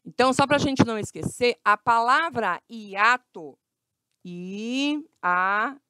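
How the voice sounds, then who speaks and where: A woman's voice: fairly high pitch, lively intonation, bright, forceful tone, dry recording. A woman teacher with a Brazilian Portuguese accent, giving a grammar lesson to children, stretching out words and often checking in with her class. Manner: slow, stretched words with frequent check-ins.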